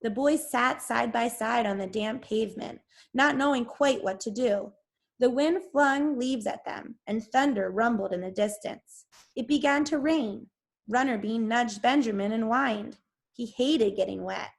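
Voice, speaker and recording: Teacher, a bit raspy and higher-pitched, read-aloud storytime. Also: female voice, unhurried.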